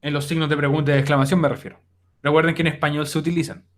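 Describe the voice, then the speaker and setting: A man's voice: a little high, level tone, very fast. A young man explaining a lesson on a screen recording, talking informally to his students with many fillers. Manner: informal, addresses students directly, frequent fillers. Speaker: teacher. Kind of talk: recorded online class explanation.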